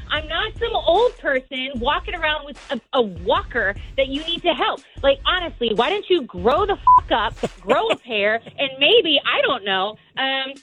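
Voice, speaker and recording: A woman's voice: high-pitched, fairly bright tone, rough recording. A woman in her twenties on a call to a radio show, talking bluntly with sarcasm and plain exasperation. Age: 20s. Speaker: caller.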